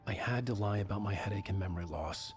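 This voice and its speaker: A man's voice: lowish voice, fast, close to an everyday voice. An actor playing a troubled, guarded man who narrates his ordeal in a video game, terse and brooding. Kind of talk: video game dialogue and first-person narration. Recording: background music under voice.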